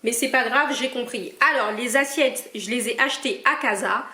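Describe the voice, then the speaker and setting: A young Cameroonian woman answers viewer questions in a casual Q&A vlog, teasing and playful. Her voice is on the high side and sharp, at a moderate pace, in an echoey room.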